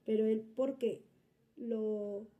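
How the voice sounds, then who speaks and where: Mother interviewed about her son; rambling, filler-heavy delivery, very mellow dark tone, slightly high voice. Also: steady tone, takes it slowly. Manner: rambling, frequent fillers and restarts. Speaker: mother of interviewee's subject child. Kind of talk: interview answer, casual storytelling.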